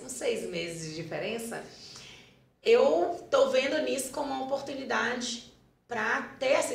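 This is a medium-pitched woman's voice with vocal fry, recorded with a roomy sound. Speaking with a Brazilian Portuguese accent, the dance teacher and school founder shares stories in a relaxed podcast interview, often repeating words to stress them.

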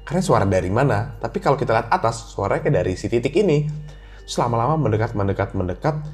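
A young man with Jakarta slang tells a childhood ghost story as a guest on a casual podcast, racing along animatedly and acting out his own childhood voice. His voice is mid-range, with faint music behind him.

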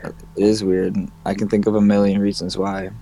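A man's voice: fairly low pitch, flat delivery, moderate pace, creaky, dark tone. A young man co-hosting a casual podcast chat, talking loosely and swearing, easily exasperated by interruptions. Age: young adult. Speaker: podcast co-host.

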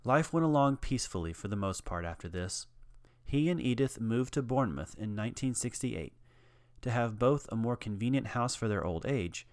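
A man narrating a documentary in a measured, earnest storytelling manner, reading out quotations. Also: mid-range voice, animated, a little mellow, no echo, clean studio sound. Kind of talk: scripted narration.

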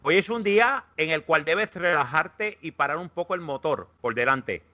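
A man's voice: on the high side, lively intonation, moderate pace, bright, forceful tone. A man putting on a Spain Spanish accent to read horoscopes aloud in a mock-solemn way. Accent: put-on Spain Spanish accent. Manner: mock-solemn reading with cursing asides. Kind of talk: comic reading of horoscopes aloud.

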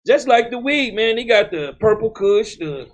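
High-voiced man preaching emphatically. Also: expressive, normal speed, a little hiss or hum. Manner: loose, emphatic, keeps adding "man"; repeats words while building a point. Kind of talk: street-style sermon.

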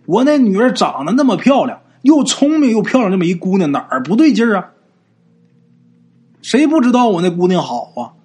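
A man's voice: sits high, sing-song, normal speed, long pauses, slightly rough, exaggerated voice. A male storyteller voicing a doting middle-aged wife who stammers when unsure and snaps when her family is doubted. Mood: indignant.

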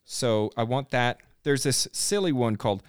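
Relaxed, rambling man hosting a podcast. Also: medium pitch, normal speed, clean tone, no echo, studio quality. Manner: relaxed, rambling, with frequent fillers and restarts. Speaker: podcast host. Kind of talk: casual chat. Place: podcast studio.

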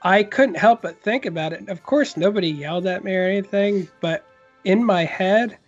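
High-pitched male podcast co-host, rambling storyteller, dull audio. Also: normal speed, soft background music. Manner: rambling, animated storytelling with many restarts. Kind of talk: casual chat.

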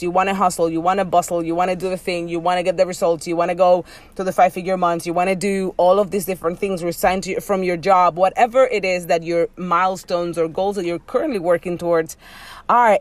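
A woman with a Dominican accent and a slightly low voice hosts a motivational coaching podcast. She talks candidly and directly to her listeners in a conversational way. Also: no room sound. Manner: conversational, direct address, with frequent y'all. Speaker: podcast host and business coach.

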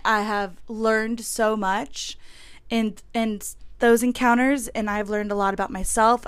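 A woman's voice: a little high, a bit bright, clear, resonant tone, dry recording. A young woman with a nasal voice, congested and sniffly from a cold, hosting a casual, candid, rambling solo podcast. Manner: candid, rambling, informal with swearing. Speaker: podcast host.

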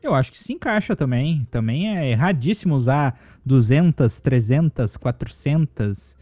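A man's voice: mid-range voice, expressive, normal speed, mellow, dry recording. A man with a Brazilian Portuguese accent co-hosting a casual comedic chat, playful and teasing. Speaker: co-host.

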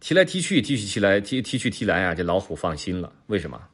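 Husky playful dad telling stories. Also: male voice, deep voice, quick pace. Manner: animated, playful, teasing. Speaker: father telling idiom stories to children. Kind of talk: children's storytelling and explanation.

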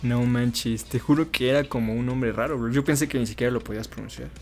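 A man's voice: medium pitch, steady tone, fast talker, a little hiss or hum. A young man with a Mexican accent, co-hosting a podcast in casual chat, rambling with fillers and laughing often. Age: young adult. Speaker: podcast co-host.

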